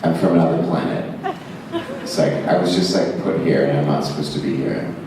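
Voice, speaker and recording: At a convention Q&A panel, a Zimbabwean actor with a very low voice answers fan questions with rambling, self-deprecating stories, talking fairly quickly, laughing often and relying heavily on fillers. The mic catches him from a distance, so his voice echoes through a big hall over a noisy background.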